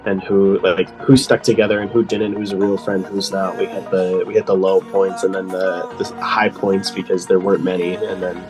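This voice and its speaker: Young male grad student, very low voice, hesitant and reflective, music underneath. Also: little pitch movement, normal speed, hardly any pauses. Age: 20s. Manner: thoughtful, hesitant with many fillers. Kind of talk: casual interview answer.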